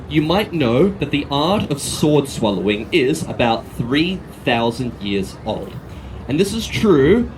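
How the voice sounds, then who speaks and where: Animated Australian sword swallower doing street patter. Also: male voice, on the high side. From Australia, from Melbourne. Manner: cheeky showman, teasing the audience and volunteer. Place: outdoor city street. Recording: outdoor street noise with traffic.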